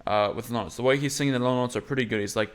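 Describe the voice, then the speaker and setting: A man's voice: medium pitch, racing, clean tone. Casual rambling male voice coach. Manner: casual, rambling, frequent fillers. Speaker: voice teacher reacting to a video. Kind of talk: casual commentary.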